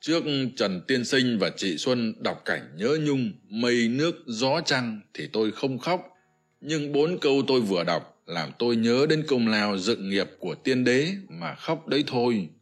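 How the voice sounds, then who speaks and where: Guy doing an emotional young officer in an audiobook, tearful and worked up, a bit higher than his narrating voice. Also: lively intonation, unhurried, faint music behind. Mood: explaining. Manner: impassioned, tearful outbursts. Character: young male officer, emotional and quick to weep. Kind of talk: scripted narration of a historical novel.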